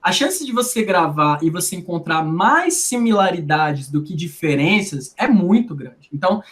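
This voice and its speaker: This Brasília woman speaks with a fairly low, sing-song voice at a normal pace and a local Brasília Portuguese accent. She's a linguistics researcher explaining things in a conversational interview, teaching as she goes and tacking tag questions onto her sentences.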